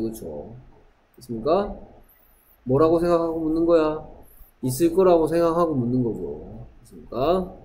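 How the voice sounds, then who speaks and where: A man teaching an English lesson to middle school students. He keeps checking that the class is following, and he reads the English sentences out slowly. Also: mid-range voice, mellow, roomy sound, slight background noise, poor audio. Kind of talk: classroom lecture.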